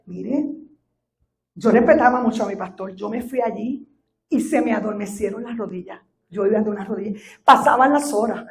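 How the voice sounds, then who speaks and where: A middle-aged Puerto Rican woman pastor preaching a sermon, telling a personal testimony that builds to fervent shouting. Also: medium pitch, moderate pace. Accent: Puerto Rican Spanish. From Puerto Rico.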